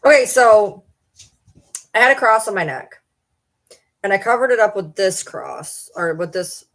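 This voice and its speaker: A woman's voice: medium pitch, animated, a little slow, a bit bright. A woman in her early forties chatting casually on a live stream, rambling and answering viewer comments. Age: 40s. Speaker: livestreamer.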